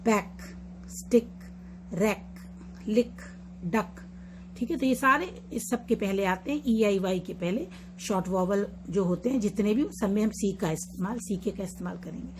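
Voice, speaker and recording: Woman teaching spelling, slow and patient. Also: mid-range voice, darkish tone, slight background noise. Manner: explains patiently, repeats example words slowly. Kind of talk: online lesson mixing Hindi and English.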